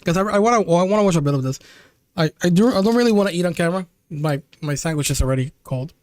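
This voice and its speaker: A man's voice: high-pitched, expressive, fast, darkish tone. A young man streaming live, chatting loosely with his viewers and calling them "dude" and "chat".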